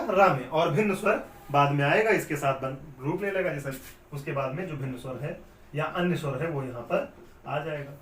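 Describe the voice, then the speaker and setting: High-voiced man teaching in an echoey room. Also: fairly bright tone. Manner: asks questions and answers them himself; repetitive, explains step by step. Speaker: Hindi grammar teacher. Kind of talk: classroom lecture at a board. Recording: echoey room, mic at a distance.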